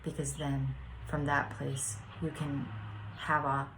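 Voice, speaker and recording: Soft-spoken low-voiced woman sharing reflections. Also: monotone, slow pace, a little hiss or hum, rough recording. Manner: soft-spoken, hesitant, many fillers. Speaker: spiritual study vlogger.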